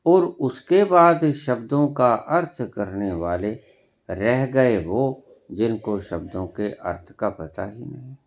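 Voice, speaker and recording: Slow, emphatic male spiritual teacher. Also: mid-range voice, animated, vocal fry. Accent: Punjabi. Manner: slow, deliberate, with emphatic pauses and rising stresses. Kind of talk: sermon.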